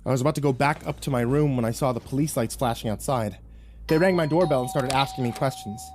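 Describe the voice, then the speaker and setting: A man's voice: mid-range voice, quick pace. Tense male horror story narrator. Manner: tense, with nervous stammers. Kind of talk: first-person creepypasta narration.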